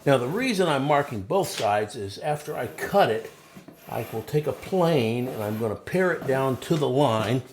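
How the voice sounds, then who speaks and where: A man's voice: medium pitch, animated, normal speed, background noise. A man casually demonstrating a woodworking technique in a folksy, self-deprecating way while he works.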